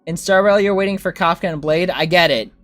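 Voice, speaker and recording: A game livestreamer speaks a little fast at a medium pitch, with no echo and faint music underneath. The chat is casual as they think aloud and respond to viewers with lively, informal reactions.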